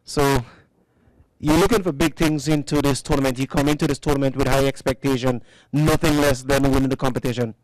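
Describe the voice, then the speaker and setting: Commentating live cricket into a booth microphone, a man playfully teases his interview guest and keeps pressing with follow-up questions in a chatty manner. He talks fairly quickly, at a medium pitch with fairly even intonation. There's no echo, but the recording is rough.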